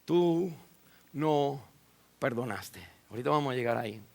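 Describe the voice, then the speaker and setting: A man preaching a sermon as a pastor in a church, rising loud and high, then dropping low and quiet, with many fillers and repeated words. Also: lively intonation, unhurried, gravelly.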